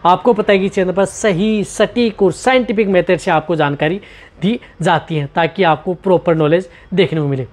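A man's voice: sits high, normal speed. A man hosting a goat care channel, patiently explaining treatments step by step and often repeating himself. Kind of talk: instructional talk on goat health.

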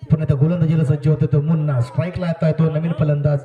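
A man giving live commentary on a local cricket match over an outdoor loudspeaker, joking and repeatedly asking the crowd to cooperate. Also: fairly high pitch, little pitch movement, fast, reverberant, narrow, tinny audio. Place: outdoor village cricket ground. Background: crowd at the ground.

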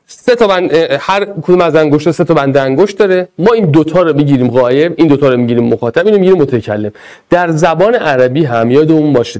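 High-pitched middle-aged guy teaching, chants drills in a row, cracks jokes at the class. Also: darkish tone. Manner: chanting drills, joking with students. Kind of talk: classroom lecture.

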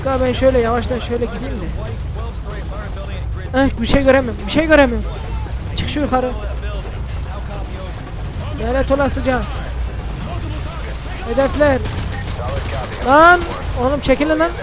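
A male gaming host giving casual gameplay commentary, brash and excitable, swearing and shouting at the characters on screen. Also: extremely high pitch, normal speed, pauses often. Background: game music.

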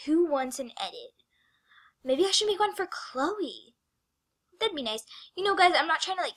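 Chatty female vlogger, rather high voice. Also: pushed and bright. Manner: rambling and chatty, often dropping to a whisper. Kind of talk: casual screen-recorded vlog.

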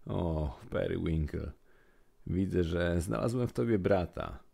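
Lonely gentle storybook troll voiced by a man, rumbling low, husky, gravelly. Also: slow pace, exaggerated voice. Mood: pleading, gruff. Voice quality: very deep, gravelly. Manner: rhythmic verse delivery.

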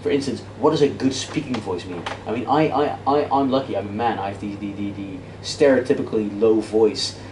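This low-voiced lecturer is a man in his 30s whose native language is Dutch, running an interactive debate workshop lecture in an indoor classroom with a projector screen. He's chatty and self-mocking, talks fairly quickly with hardly any pauses, restarts often, uses many fillers, and walks and gestures as he speaks. Recorded by a far-off camera, the sound is echoey and noisy.

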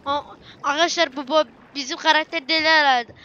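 A woman giving excitable, chatty let's play commentary, talking to herself and her viewers as she plays. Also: sits high, fairly quick, dull audio. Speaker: gameplay streamer.

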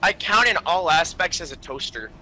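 A man giving casual gameplay commentary with a friend, excitable and shouting callouts. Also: a little high, moderate pace, slight background noise. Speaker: co-op gaming partner.

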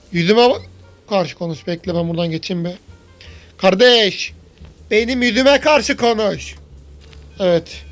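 A man in the middle of a let's-play, talking straight to his viewers as he plays. He is chatty and easily rattled, breaking into yells when something startles him. Faint game music runs underneath his voice. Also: high voice. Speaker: gaming YouTuber.

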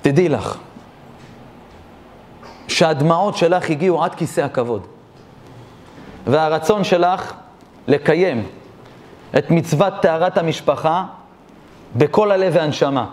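A man voicing a very old, wise man who speaks slowly in a calm, solemn way. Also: fairly high pitch, close to an everyday voice. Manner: slow, solemn pronouncement.

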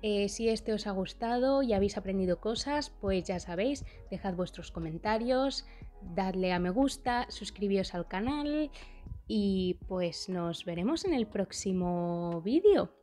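Clear-explaining Spanish woman, playful asides. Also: medium pitch, lively intonation, measured pace, dark tone, soft background music. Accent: Spain Spanish. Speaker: language educator and video host. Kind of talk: explanatory video lesson.

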